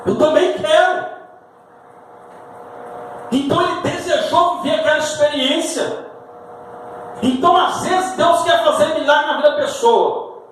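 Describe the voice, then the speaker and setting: Pentecostal preacher, male, Brazilian Portuguese accent, fervent delivery, recorded from afar with faint hall noise. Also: very high-pitched. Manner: impassioned preaching, rising to shouts. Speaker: pastor. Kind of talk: sermon. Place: church sanctuary. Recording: echoey church from far off with faint ambient noise.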